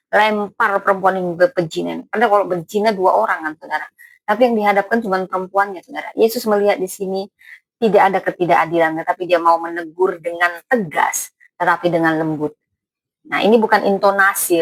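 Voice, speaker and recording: A woman's voice: mid-range voice, a bit bright, dry recording, poor audio. A woman pastor preaching a sermon in a blunt, emphatic manner, often turning to address the congregation directly.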